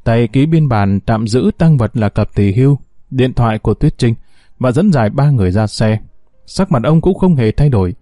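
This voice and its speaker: Dark-voiced male story narrator. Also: medium pitch, animated, moderate pace, no room sound, studio quality.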